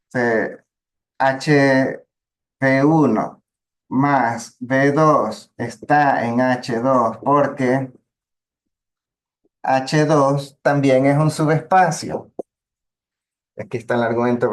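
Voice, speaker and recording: A man teaches a linear algebra lesson, explaining each step patiently and checking in with his students. His mid-range voice is slow and fairly even, with long pauses.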